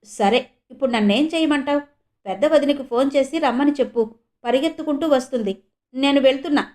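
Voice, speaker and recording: A woman's voice: sits high, a little fast, darkish tone, voice pushed up, close to an everyday voice. A woman voicing a sulky grown daughter who speaks in an indignant, complaining way. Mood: irritated. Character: sulky grown daughter visiting her mother.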